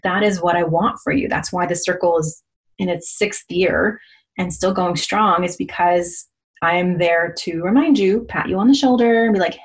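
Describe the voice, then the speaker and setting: Upbeat chatty woman podcast host. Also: fairly low pitch. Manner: chatty and upbeat, frequent laughs and "like" fillers. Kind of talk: casual motivational podcast monologue.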